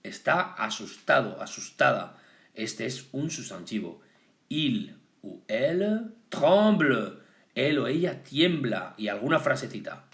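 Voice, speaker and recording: Slow, lively-voiced man teaching vocabulary. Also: mid-range voice. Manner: slow, deliberate, switching between French and Spanish. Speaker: French teacher. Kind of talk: bilingual vocabulary lesson.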